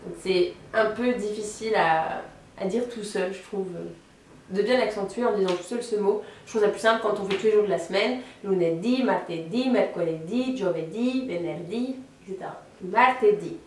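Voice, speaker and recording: A woman teaching a beginner Italian lesson, patiently repeating each word slowly. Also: medium pitch, slight background noise. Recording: roomy echo, voice a bit off-mic, faint ambience.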